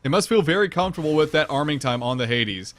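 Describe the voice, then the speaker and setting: A man's voice: on the high side, fast talker. A man commentating a competitive online game match, explaining tactics and calling the action. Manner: analytical, explains tactics, bursts of excitement at big plays. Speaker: esports commentator.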